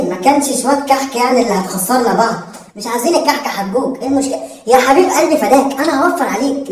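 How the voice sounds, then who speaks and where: A greedy, cheeky young son, played by a woman, begs in a quick, high Egyptian voice, piling up pleas and repeats. The voice sits back from the mic. It echoes in a bare room. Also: darkish tone, distant mic. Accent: Egyptian Arabic. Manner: wheedling, pleading, rapid-fire repetition. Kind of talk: home comedy sketch.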